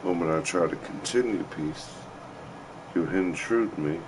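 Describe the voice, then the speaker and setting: A man with a low voice talks casually on a livestream. He rambles loosely from one thought to the next and drops in the odd swear word. A faint hum sits behind him. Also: a little slow. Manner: rambling, profane storytelling. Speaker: livestream host.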